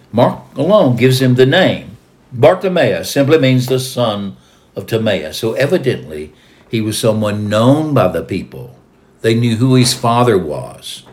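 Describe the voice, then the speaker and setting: A man preaching a sermon, retelling a gospel story slowly and dramatically, trailing off to a whisper at the ends of lines. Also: on the low side. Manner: slow and dramatic, dropping to a whisper at line ends.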